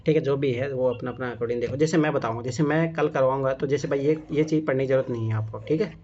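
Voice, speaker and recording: A man's voice: medium pitch, fast talker, a little mellow, slight background noise. A man teaching a casual exam-prep class, talking emphatically and checking often whether his students follow. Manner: emphatic, repeats "theek hai?" and "samajh mein aaya?". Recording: dull lo-fi classroom recording.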